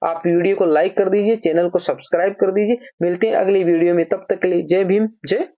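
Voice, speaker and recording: A woman teaching a grammar lesson, asking each point as a question, answering it, and reading example sentences slowly. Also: fairly low pitch, steady tone, mellow, highs cut off. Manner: reads example sentences slowly, addresses viewers as brother.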